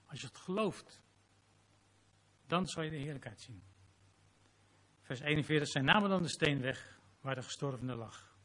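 Man, pastor, sermon, husky voice, dramatic preaching. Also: fairly high pitch, expressive, normal speed, pauses often, sharp tone. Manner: preaching with dramatic quotes and prayer.

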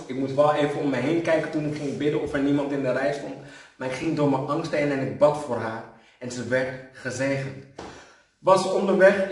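Man preaching in an echoey hall. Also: a little high. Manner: storytelling, rising for emphasis and dropping soft for prayer moments. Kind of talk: sermon. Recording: echoey hall, voice from some distance.

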